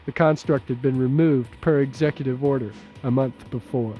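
A man narrating an audiobook in a measured, steady, low-key way. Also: highs cut off, soft background music. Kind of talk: scripted narration.

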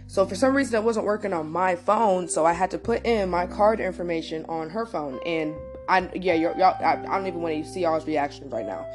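A woman's voice: on the low side, a little fast, few pauses, music in the background. A young adult woman hosting, telling a personal story in a casual, emphatic way and speaking straight to her listeners. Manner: animated, emphatic, addresses listeners directly, swears. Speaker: host.

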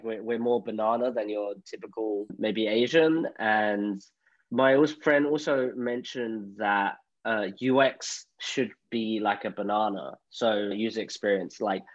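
A young podcast host speaks at a measured pace in a medium-pitched voice, chatting casually with plenty of fillers during an interview. The audio is slightly dull and lo-fi.

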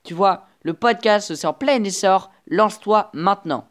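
A woman's voice: medium pitch, unhurried. A woman hosts a casual solo podcast, speaking directly to her listener with chatty encouragement. Her talk stops and restarts, full of filler sounds. She records on a simple earphone microphone. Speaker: podcast host. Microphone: earphone headset mic.

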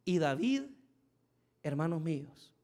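A middle-aged man preaching a sermon as pastor, swinging from soft speech to loud shouts. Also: on the high side, big pitch swings, takes it slowly.

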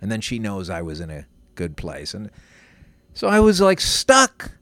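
A man telling a long story as a guest, rambling with halting restarts and swearing. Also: lowish voice, huge pitch swings, fairly bright tone. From Canada. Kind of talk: casual storytelling.

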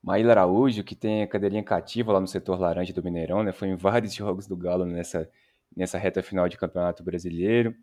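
A man's voice: low voice, fairly even intonation, fast talker, darkish tone. A Brazilian man hosting a podcast in a conversational way. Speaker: podcast host.

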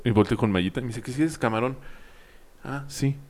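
A man's voice: mid-range voice, brisk, a crowd in the background. A man with a Mexican Spanish accent, co-hosting a podcast and telling a story in casual chat, acting out the exchanges. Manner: animated storytelling, acts out exchanges.

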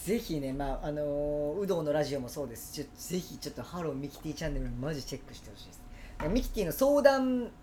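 A man with a Kansai accent co-hosting a casual podcast, talking animatedly and acting out quoted lines with big jumps in pitch. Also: animated, fast, mellow, slight background noise. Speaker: podcast co-host.

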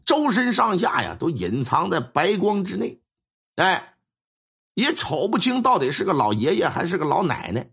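A man telling a ghost story in an animated, colloquial way full of sound-effect words. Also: high voice, moderate pace, creaky, husky. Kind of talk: spoken ghost story narration.

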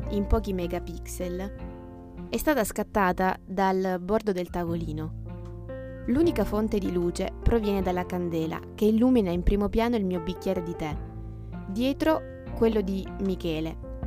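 A woman's voice: mid-range voice, warm tone. A woman podcast host reading scripted travel narration in a reflective, descriptive storytelling way. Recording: music behind the voice. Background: guitar music.

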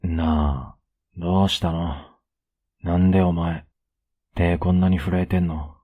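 A young man with a Kansai accent in a whispered role-play as a blunt, rough-spoken boyfriend who is caring underneath, recorded close up at home. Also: low-pitched, fairly even intonation, unhurried, narrow, tinny audio. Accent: Kansai Japanese. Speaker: voice actor playing a boyfriend.

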